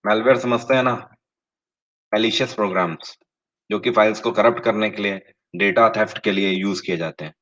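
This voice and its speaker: A man's voice: on the low side, fairly bright tone, muffled recording. Male teacher quizzing a live class. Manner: reads questions in English slowly, explains in Hindi with rising emphasis; addresses live viewers directly, asks and confirms answers. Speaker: online exam-prep teacher. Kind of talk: live online class, quiz walkthrough.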